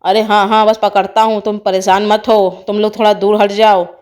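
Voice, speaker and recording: Woman doing a lower-voiced bumbling snake charmer man, stalling and chanting, kids doll story. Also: level tone, normal speed, a little mellow, smooth, natural voice. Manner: sing-song chanting, stalling. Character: male snake charmer, boastful and timid.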